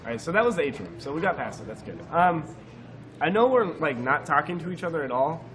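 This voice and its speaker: At a live event with a crowd audible behind him, a man does co-op speedrun commentary, chatting loosely with his partner through fillers and restarts. His voice is on the high side, slightly bright, very animated and fast, with a bit of hiss or hum on the recording.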